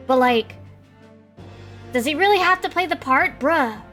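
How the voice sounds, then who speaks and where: A woman streamer giving casual, excitable and blunt commentary while playing a game. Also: high-pitched, unhurried. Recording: faint game music behind.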